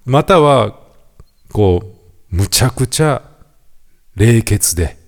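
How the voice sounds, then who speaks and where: A man with a Kansai accent giving a lively, quiz-style lesson on the English words heard in gospel songs. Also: medium pitch, slow pace. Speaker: teacher.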